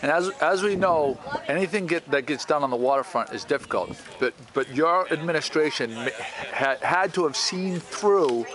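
Man, interviewer, halting questions, slightly high voice, outdoor chatter. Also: lively intonation.

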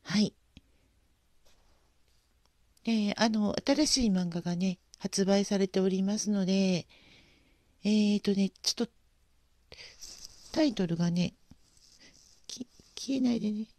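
A woman hosting a casual livestream, speaking gently and politely with frequent pauses and fillers. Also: medium pitch, no echo. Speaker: livestream host.

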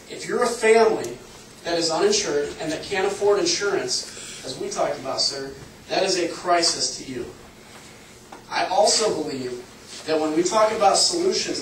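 A man in his thirties from Illinois addresses a town hall crowd in an earnest, direct campaign speech. His voice sits a little high for a man. He sounds far from the microphone in a roomy, echoing space with a faint hum of ambience. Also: fairly bright tone. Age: 30s. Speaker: congressional candidate. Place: public meeting room. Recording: echoey room, far from the mic, faint ambience.

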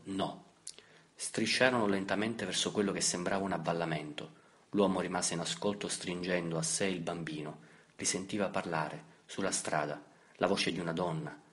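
Deep-voiced male audiobook narrator. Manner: measured, steady reading. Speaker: audiobook reader. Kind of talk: scripted literary narration.

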